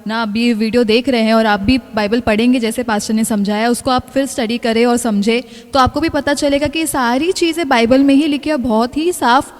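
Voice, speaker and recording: A woman's voice: a little high, fairly even intonation, normal speed, hardly any pauses. A woman hosting a livestreamed church session, thanking the pastor in long, earnest sentences. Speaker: program host. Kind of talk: closing remarks on a livestream. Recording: long hall reverb.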